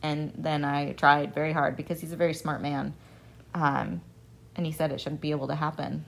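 A woman with a low-sitting voice, speaking at a normal speed with vocal fry. She's a math professor guesting on a radio interview in a radio studio, chatting casually as an animated storyteller who acts out the exchanges she quotes.

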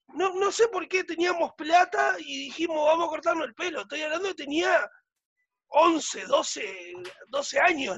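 A man's voice: extremely high pitch, no room sound, dull audio. A man with a Uruguayan accent, co-hosting a talk show and telling a story in casual chat, full of slang. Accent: Uruguayan Spanish. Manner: animated storytelling, frequent slang. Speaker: radio show co-host.

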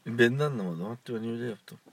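A man's voice: medium pitch, fast, dry recording. A man co-hosting a casual chat show, teasing, giggling and cutting in. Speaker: co-host.

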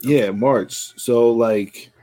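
A man's voice: medium pitch, drawn-out words, dark tone. A man hosting a casual wrestling talk show, rambling and restarting his sentences.

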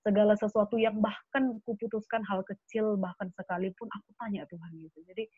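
A young adult woman speaking as a guest in an earnest, animated casual chat with many fillers. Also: mid-range voice, brisk, slightly rough, no room sound. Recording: tinny phone-like line.

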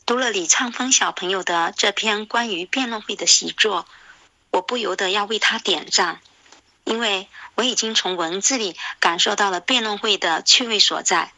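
A woman teacher giving scripted commentary in a formal, measured and instructive manner. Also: medium pitch, pushed and bright, no echo, low-quality recording.

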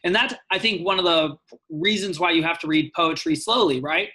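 A man asking questions about a poem and reflecting on how to read slowly, in a conversational tone. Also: fairly high pitch, sharp tone, slightly rough, rough recording. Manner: inquisitive, reflective, asks questions. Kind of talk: conversational close reading.

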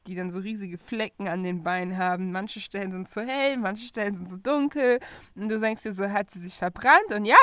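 A young woman co-hosting a relaxed conversation, animated and quick to laugh. She drops English phrases into her talk now and then. The recording is dry and close, with no room sound. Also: mid-range voice, dry recording. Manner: lively, mixes English phrases into German, laughs often. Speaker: podcast co-host. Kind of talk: casual chat.

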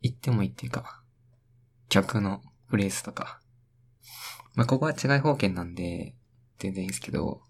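A man's voice: deep voice, lively intonation, moderate pace, vocal fry, long pauses, slight background noise. A young man hosting a solo radio talk, rambling, talking to himself and playing with words. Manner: rambling, talks to himself, plays with words in sing-song repeats. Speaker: podcast host.

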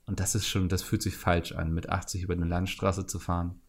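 A male podcast co-host chats casually. His voice has a lot of creak and fry at the edges. The microphone peaks and glitches. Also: low voice, level tone, brisk. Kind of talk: casual chat.

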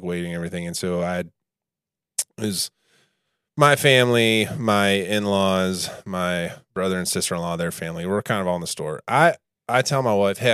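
A man co-hosting a casual podcast, telling a rambling family anecdote in a relaxed, chuckling way. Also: on the low side, smooth, no room sound, clean studio sound. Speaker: podcast co-host.

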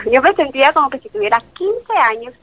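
A woman in her late thirties who works as a doctor speaks about her faith in an emotional interview testimony, animatedly playing out the conversations she describes. Her high voice moves fairly quickly, and the audio quality is poor.

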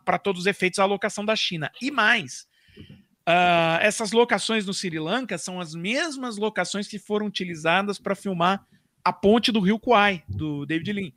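A man's voice: high voice, fairly bright tone. A man co-hosting a podcast, chatting about a film and adding trivia and asides. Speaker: podcast co-host. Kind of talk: casual film chat.

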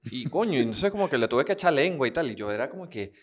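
A Venezuelan man trades jokes in loose podcast banter. His voice sits at an ordinary middle pitch, and he keeps up a teasing, quick-witted patter. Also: very animated. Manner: joking, teasing, quick asides. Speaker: podcast co-host, comedian.

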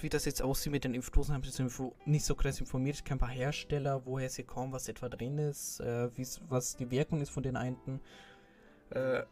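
A man's voice: medium pitch, darkish tone. A young man talking casually in a rambling way, with many fillers and restarts. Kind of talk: casual chat.

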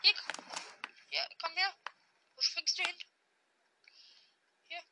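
Woman, high-pitched, casual gaming banter, noisy voice chat. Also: steady tone, takes it slowly. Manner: casual slangy banter, loud bursts when play goes wrong. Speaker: gamer.

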